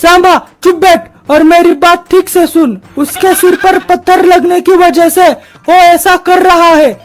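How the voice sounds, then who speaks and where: A woman's voice: very high voice, fairly even intonation, unhurried, faint music behind. A woman voicing a bossy male bandit chief in a cartoon comedy, scolding his sidekick.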